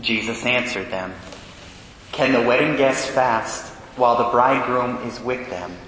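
Man preaching in booming cathedral echo. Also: fairly bright tone, slight background noise. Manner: measured, preaching, rhetorical questions. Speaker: priest. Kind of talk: gospel reading and homily. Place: large church. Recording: booming long reverb in a large church.

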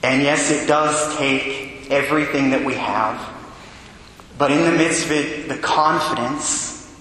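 A man, a priest, reads the gospel and preaches a sermon in a large church, in a measured, solemn way, and his voice rings with cathedral echo. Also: mid-range voice, steady tone, pushed and bright. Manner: measured, solemn reading that turns earnest and quick in the homily. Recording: cathedral echo with long reverb, faint hum.

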